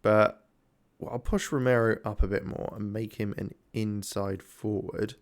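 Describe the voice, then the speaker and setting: A man with a fairly low voice and vocal fry speaks a little slowly with fairly even intonation. As a gaming YouTuber doing casual let's-play commentary, he rambles and self-chats, sleepy and yawning, with many ums as he thinks aloud.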